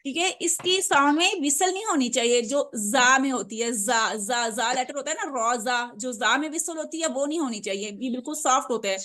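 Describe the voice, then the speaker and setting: A woman teaching Quran recitation in a lesson, patiently repeating words slowly for her pupils, speaking words. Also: sits high, bright, forceful tone. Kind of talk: online tajweed lesson.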